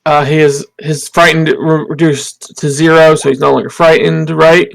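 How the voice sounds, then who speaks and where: A man talks through his turn in a tabletop game, eager and joking. His voice is gravelly and somewhat high. He checks the rules out loud as he goes. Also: little pitch movement, moderate pace, rough recording. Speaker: player. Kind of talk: casual game chat.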